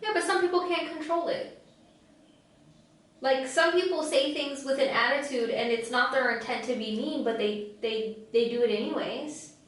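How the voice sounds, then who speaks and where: A woman with a high-pitched voice co-hosts a podcast at a moderate pace, chatting casually and rambling with many "like" fillers. The mic sits far from her in a very echoey room.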